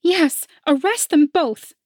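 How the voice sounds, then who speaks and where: A shrill, snooty potion seller from a storybook, scheming and haughty, her voice pushed very high, as a woman narrator puts her on. Every line comes out sharp and superior in a dry, close recording. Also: takes it slowly, no echo.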